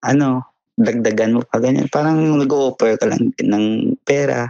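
Young filipino guy answering questions, polite, flat tone, kinda dull lo-fi audio. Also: medium pitch, normal speed, vocal fry, no room sound. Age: young adult. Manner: polite and plain, says "sir" and "po", many fillers like "ganyan". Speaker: interview guest, massage therapist. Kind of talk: casual interview.

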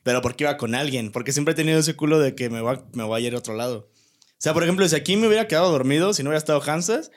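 A man's voice: fairly high pitch, very fast. A man with a Mexican accent hosting a podcast in casual, joking chat. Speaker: podcast host.

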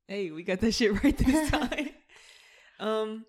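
A woman's voice: fairly high pitch, expressive, measured pace. A woman hosting a podcast in casual, very slangy chat with frequent swearing. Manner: informal, slangy, heavy swearing. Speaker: podcast host.

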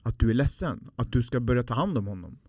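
A man's voice: mid-range voice, expressive, a little mellow, husky, no room sound, clean studio sound. A man, a podcast guest telling a personal story in a heartfelt, rambling way with many fillers.

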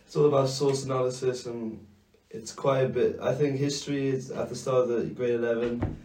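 A teenage boy from Wales explains things in a steady, matter-of-fact way on a casual podcast. His pitch barely moves, and he sounds a little far from the mic in an echoey room. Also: a little fast. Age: teens. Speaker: podcast co-host. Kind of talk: casual chat.

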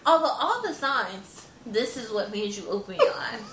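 A woman in her late twenties co-hosting a casual podcast chat, blunt and quick to laugh, swearing freely. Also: on the high side, big pitch swings, fairly bright tone, distant mic. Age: 20s. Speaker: podcast co-host. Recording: roomy echo, a bit off-mic.

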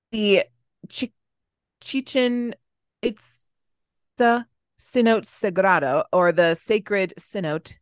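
A woman co-hosting a podcast reads researched notes informally and chats casually between them, stumbling over foreign names. Her medium-pitched voice is smooth, with no room sound.

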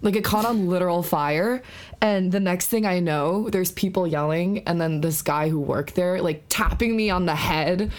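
A young woman with a slightly low voice tells long stories on a podcast. She rambles casually, with "like" in nearly every phrase. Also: normal speed. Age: young adult. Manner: rambling storytelling, full of "like". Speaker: podcast co-host. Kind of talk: casual chat.

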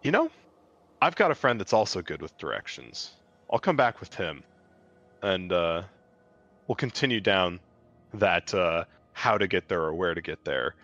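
A man's voice: deep voice, sing-song, normal speed, long pauses, a bit bright, dull audio. A man playing his character at a tabletop game, talking casually and rambling with fillers. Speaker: player. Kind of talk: in-character tabletop role-play.

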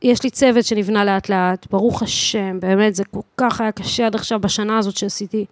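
A thirty-one-year-old Israeli-accented woman, a singer, DJ and voice teacher, chats casually as a podcast guest. Her mid-range voice is animated and emphatic, peppered with slang and English swearing, with no room sound.

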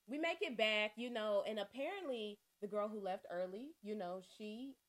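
A young woman co-hosting a podcast, telling a story in casual chat, profane and quick to laugh, acting out what her friends said. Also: mid-range voice. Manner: animated, acts out quoted friends. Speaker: podcast co-host.

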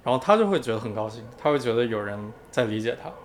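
Man, podcast co-host, brisk pace, calm patient explaining, mid-pitched voice. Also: slight background noise. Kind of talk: casual podcast chat.

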